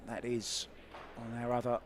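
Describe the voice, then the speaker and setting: A man calls a pool match in an upbeat, chatty way. His voice sits in an ordinary middle pitch. A faint hum of the venue runs under him. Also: monotone, unhurried. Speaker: play-by-play commentator. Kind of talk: live sports commentary.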